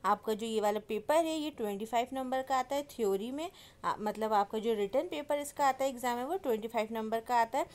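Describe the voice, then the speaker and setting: A woman explaining exam questions step by step, repeating each definition and reading the English lines slowly. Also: on the high side. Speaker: teacher. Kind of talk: exam-prep lesson in Hindi-English mix.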